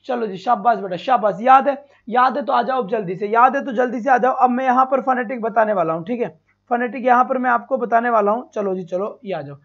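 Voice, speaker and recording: A male teacher runs a live online exam-prep class, calling students "beta" and repeating sounds slowly. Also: very high voice. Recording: dull lo-fi stream.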